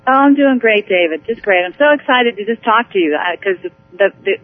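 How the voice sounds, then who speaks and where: An eager woman talks over a thin, phone-like line, her voice squeezed into a narrow band. She rambles with warm enthusiasm, restarting sentences as she goes. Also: mid-range voice, lively intonation, a little fast, faint music behind. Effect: heard over the phone. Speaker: executive director, interview guest. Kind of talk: phone interview.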